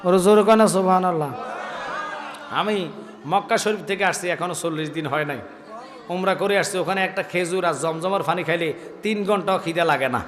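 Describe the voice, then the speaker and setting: A male preacher, giving a sermon that shifts between chanted, sung lines and quiet asides to the crowd. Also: a little fast. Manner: swings from sung, stretched shouting to low, quiet talk with the crowd. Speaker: preacher at an outdoor religious gathering. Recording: long reverb through loudspeakers, faint music.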